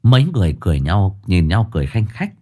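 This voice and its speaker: A man narrating a story in a lively, expressive storytelling manner. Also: low voice, quick pace, husky.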